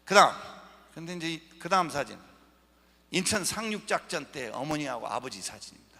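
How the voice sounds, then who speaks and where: A man giving an animated lecture over slides, joking with the audience. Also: a little high, fairly quick, vocal fry. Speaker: guest lecturer. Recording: echoey lecture hall.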